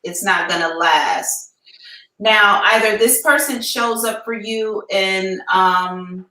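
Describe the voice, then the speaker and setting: A woman's voice: medium pitch, takes it slowly, sharp tone. An American woman talking casually and candidly on a live stream as a psychic reader, with slangy, informal phrasing, in an empty room. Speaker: psychic reader hosting a live advice show. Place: emptied-out room indoors. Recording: echoey empty room, distant mic.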